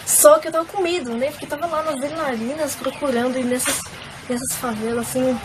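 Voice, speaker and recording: Brief: young woman vlogger, high voice, emotional faith testimony to viewers. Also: fairly even intonation, fast talker, very noisy. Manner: emotional, addresses viewers, many fillers. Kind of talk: personal faith testimony, casual storytelling.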